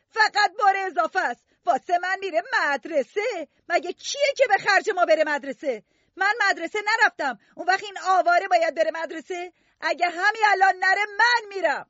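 A shrill, very high woman's voice screaming and scolding, a frail and hateful foster mother, as a male narrator puts her on. The recording is dry and a little dull. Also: expressive, bright, forceful tone, no echo, exaggerated voice. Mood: furious. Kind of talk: audiobook character voice.

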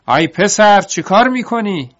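A man voicing a cruel, greedy male master in a spoken storybook, shouting in fear and anger. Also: high-pitched, animated, pitched above the performer's own voice. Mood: frightened shouting. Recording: dull lo-fi audiobook recording.

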